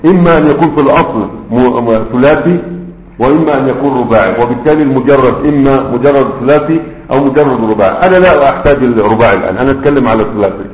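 Male grammar teacher, Egyptian Arabic accent, mid-pitched, patient explainer; dull, roomy recording. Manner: patient, explanatory, keeps checking understanding with quick questions. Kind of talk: classroom-style grammar lesson.

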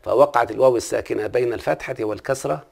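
Very fast and creaky, a mid-range male voice with a darkish tone and an Egyptian accent runs through a classical Arabic grammar lesson. He repeatedly stops to ask his listener check-in questions.

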